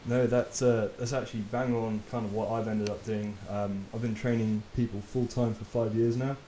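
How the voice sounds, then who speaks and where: A man's voice: on the low side, moderate pace. A man hosting a podcast as a personal trainer, talking casually and laughing easily, with the odd swear. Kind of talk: casual chat. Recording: roomy with steady hiss.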